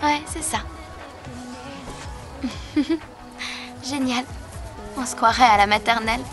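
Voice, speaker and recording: A young woman dubbing a soft-spoken teenage girl in a film, speaking gently with amusement. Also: a little high, takes it slowly. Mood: teasing. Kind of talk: film dub. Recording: music score behind.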